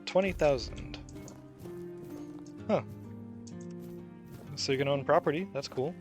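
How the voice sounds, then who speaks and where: A man's voice: a little high, takes it slowly, music in the background. A man doing casual commentary as a video game streamer, musing to himself and reading dialogue aloud.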